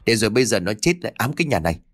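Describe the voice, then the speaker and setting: A man's voice: lowish voice, very animated, rapid-fire, no echo. A man voicing an older, superstitious mother-in-law with a fretful, knowing way of talking. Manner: fretful, knowing folksy talk.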